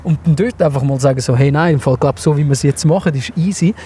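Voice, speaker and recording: A man with a Swiss German accent hosting a casual podcast chat on a walk, talking quickly and acting out little quotes. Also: a little high, a little hiss or hum. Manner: quick, lively, acts out quotes. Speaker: podcast host. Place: outdoors on a walk in town.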